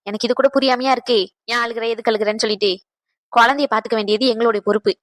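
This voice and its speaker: A woman voicing a motherly older aunt in a cartoon, who comforts and gently scolds. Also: on the high side, very fast, dry recording. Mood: soothing. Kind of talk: cartoon dubbing.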